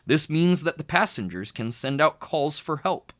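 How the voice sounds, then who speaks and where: A man's slightly high voice carries an expressive, educational reading of a children's book, delivered as a tutor. He phrases lines deliberately and emphasizes the key words.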